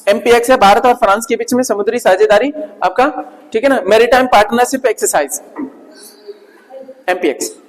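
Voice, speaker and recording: A male coaching teacher giving a revision lecture, asking his students questions and answering them himself, repeating key points as memory tricks. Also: extremely high pitch. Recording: long hall reverb.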